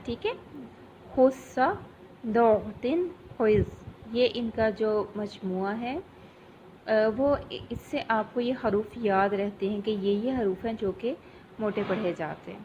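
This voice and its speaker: A woman teaching Quran recitation rules, slowly drawing out each sound to demonstrate, then explaining briskly. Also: mid-range voice, a little mellow. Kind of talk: tajweed lesson. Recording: dull lo-fi recording with faint background noise.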